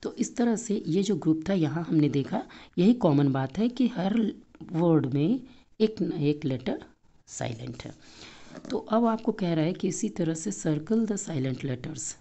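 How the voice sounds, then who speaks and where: A woman with an Indian accent teaching young children an English textbook lesson, explaining step by step and repeating words slowly. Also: lowish voice, lively intonation, warm tone.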